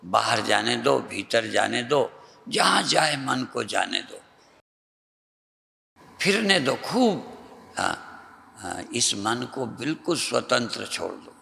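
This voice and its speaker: A male spiritual teacher from North India giving a slow, repetitive meditative discourse that guides the listener's mind. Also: medium pitch, animated, creaky, sharp tone, in a large hall. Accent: Hindi, North Indian.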